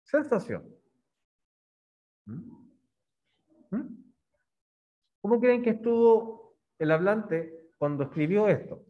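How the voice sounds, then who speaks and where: A man's voice: high-pitched, expressive, slow pace, pauses often, phone-quality sound. A male language teacher giving a classroom lesson, coaxing his students with constant questions. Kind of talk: classroom lesson on reading poetry.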